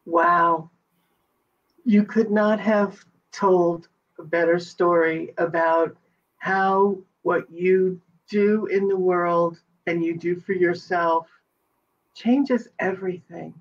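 A woman hosting an interview who speaks in a soft, reflective way. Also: fairly low pitch, steady tone, slow pace. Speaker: host. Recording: dull lo-fi sound.

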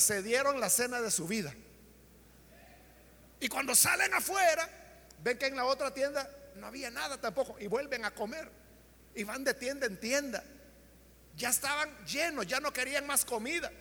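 A man preaching a sermon, retelling a story dramatically and shouting out the characters' lines. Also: very high-pitched, vocal fry, long reverb tail.

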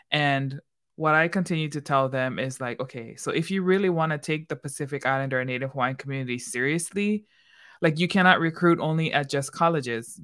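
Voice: mid-range voice, bright, forceful tone. A podcast host talking casually and loosely with a guest, using plenty of fillers and laughing easily.

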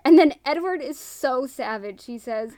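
A woman's voice: sits high, lively intonation, unhurried, warm tone, no room sound. A young woman co-hosting a casual book-discussion podcast, laughing often and reading passages aloud. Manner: giggly, reads quoted passages aloud. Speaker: podcast co-host.

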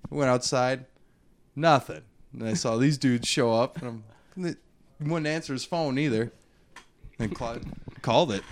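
A man chatting casually with friends on a podcast. He tells stories in a loose, rambling way, full of "like" and casual swearing. His voice sits at an ordinary pitch for a man. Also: unhurried, pauses often. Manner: rambling storyteller, swears freely. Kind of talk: casual chat.

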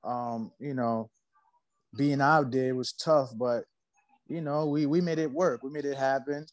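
A man's voice: mid-range voice, steady tone, a little slow, no room sound, low-quality recording. A man from Haiti, a musician guest, talking casually in an interview, laid-back and slangy, often repeating himself.

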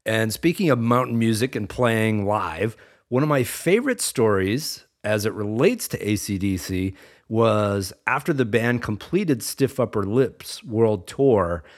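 Lower-voiced enthusiastic male host. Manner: enthusiastic, polished presenter. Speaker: interviewer, show host. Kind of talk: podcast interview.

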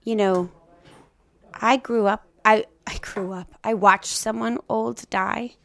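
A woman co-hosting a casual podcast, soft-spoken and wry. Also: mid-range voice, fairly even intonation, slow pace, creaky. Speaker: podcast co-host. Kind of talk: casual chat.

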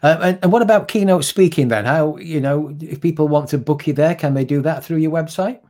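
A man hosting a live-stream interview, chatty and quick to repeat words as he restarts his sentences. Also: on the high side, a little mellow. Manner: chatty, repetitive restarts, friendly laughs. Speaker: host.

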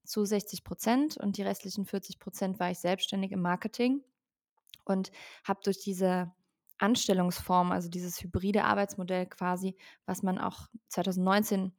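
A young woman in her twenties speaks as a podcast guest, explaining at length in a fluent, explanatory manner. She often fills pauses with ähm, and her pitch sits in the middle range. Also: steady tone. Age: 20s. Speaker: guest, founder. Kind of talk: podcast interview.

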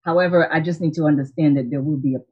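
A woman's voice: low voice, steady tone, quick pace, husky. Earnest woman telling her story, lo-fi. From Haiti. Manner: earnest, reflective, with frequent restarts and soft laughs. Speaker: optometrist and practice owner, guest. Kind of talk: casual interview storytelling. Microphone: video call. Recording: lo-fi video call audio.

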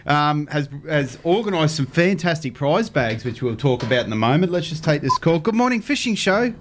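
A man with a Queensland Australian accent hosts a radio fishing show from a studio, chatting casually and chummily with callers. His voice is on the high side at normal speed, with noise in the background.

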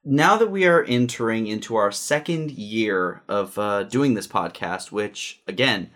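A man's voice: on the low side, animated, unhurried, a bit bright. A man co-hosting a podcast from a room in his house, talking casually with many restarts and a dry, sarcastic humor. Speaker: podcast co-host. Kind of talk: casual chat.

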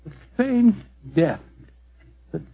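Doctor Watson, high-pitched British gentleman. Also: big pitch swings, slow pace, creaky, slightly rough, heavily acted. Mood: genial, chatty. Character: Doctor Watson, genial, earnest older gentleman, detective's loyal companion. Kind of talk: 1940s radio drama acting. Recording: dull lo-fi vintage radio recording.

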